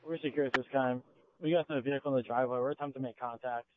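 A man's voice: mid-range voice, steady tone, rapid-fire. A man speaking clipped, businesslike call codes over a police radio transmission. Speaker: radio dispatcher or officer. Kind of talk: terse police radio traffic. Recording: noisy narrow police radio.

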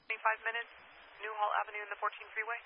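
A man's voice: high voice, completely flat delivery, background noise. A man dispatching calls over police radio in clipped codes, heard as a muffled radio transmission. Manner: clipped rapid call codes.

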